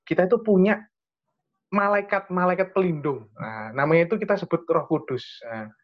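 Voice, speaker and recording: A man's voice: high voice, moderate pace, lo-fi sound. A young man with an East Javanese accent tells a personal story in casual chat, earnest and rambling. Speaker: storyteller sharing a testimony.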